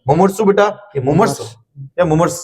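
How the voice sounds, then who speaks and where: A man's voice: high-pitched, a little fast, dark tone, breathy edge. A middle-aged man teaching a Hindi spelling lesson in a classroom, coaxing his students with repeated tag questions.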